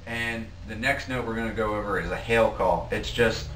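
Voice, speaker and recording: A man giving a casual, plain-spoken instructional demonstration as a goose calling instructor, with halting delivery. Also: fairly low pitch. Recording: roomy, distant mic, faint noise.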